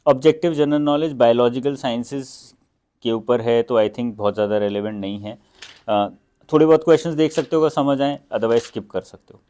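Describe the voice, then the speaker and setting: In this casual instructional talk, a young Indian man who teaches exam preparation speaks in a mid-range, mellow voice with a steady tone and brisk pace. He keeps it conversational, slipping English phrases into his Hindi and using plenty of fillers.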